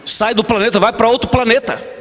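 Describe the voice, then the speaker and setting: Long church reverb surrounds this sermon from a man with a Brazilian Portuguese accent, who narrates stories, performs dialogue, and questions his congregation in a church hall. His very high, fairly bright voice moves briskly with fairly even intonation.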